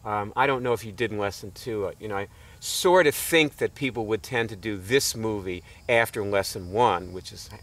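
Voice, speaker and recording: A man's voice: lowish voice, moderate pace, a bit bright. A middle-aged man telling a rambling story in a casual lecture, chuckling often and filling his talk with fillers and restarts. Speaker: nonprofit founder teaching alternative healing.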